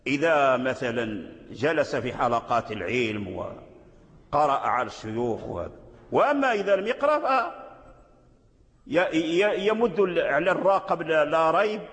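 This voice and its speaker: A man teaching Quran recitation rules, explaining them slowly and deliberately and repeating key phrases. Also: fairly high pitch, very animated, fairly bright tone. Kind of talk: tajweed lesson explaining a didactic poem. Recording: echoey hall with long reverb.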